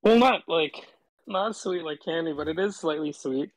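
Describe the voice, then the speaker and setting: A caller disguises their voice with a voice changer while chatting casually on the phone, rambling with lots of fillers. The voice is mid-range at a moderate pace, and the recording is rough with no room sound.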